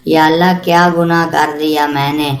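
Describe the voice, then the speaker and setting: A woman's voice: low-pitched, little pitch movement, roomy sound. A woman reading the lines of a tearful, abused young wife in a storybook tale, in a pleading, sorrowful way.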